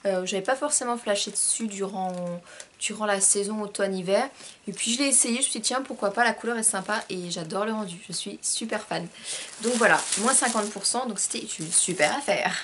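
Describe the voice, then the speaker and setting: A woman's voice: mid-range voice, noisy background. Bubbly young woman gushing over purchases. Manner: bubbly, gushing, many fillers. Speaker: vlogger. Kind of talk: shopping haul vlog.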